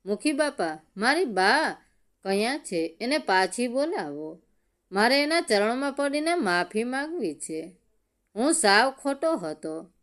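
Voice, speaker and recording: A woman voicing a remorseful young man who begs his mother's forgiveness in a low, tearful, breaking voice. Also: big pitch swings, unhurried, fairly bright tone. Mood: desperate pleading. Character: remorseful grown son, young man, pleading.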